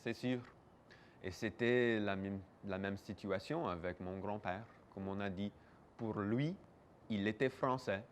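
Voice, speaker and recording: A man's voice: fairly low pitch, unhurried, slight background noise. A man giving hesitant, explanatory answers in a casual interview. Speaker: museum interviewee.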